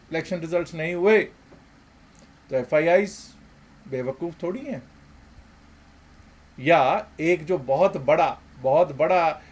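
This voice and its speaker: A man giving emphatic commentary as a market analysis host, with rhetorical questions and swings between loud and soft. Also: fairly high pitch.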